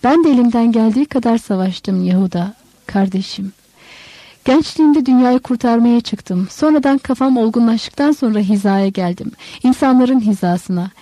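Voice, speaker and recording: Calm soft-spoken jesus guy from a woman narrator, mellow tone, dry. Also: medium pitch, no echo, close to an everyday voice, rough recording. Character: calm gentle male teacher Jesus.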